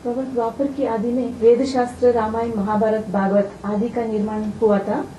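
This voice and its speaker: A woman's voice: on the high side, level tone, normal speed, mellow. A woman in the audience politely asking brief questions at a spiritual discourse. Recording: roomy room from a distant mic, faint noise.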